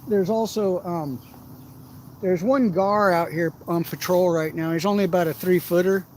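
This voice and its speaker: A middle-aged man with a fairly high voice spins rambling, profanity-laced anecdotes and often laughs between them. He sits outdoors by the water, and a faint outdoor hiss runs under his voice. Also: steady tone, moderate pace, a little mellow. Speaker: outdoors vlogger. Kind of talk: casual storytelling while shore fishing.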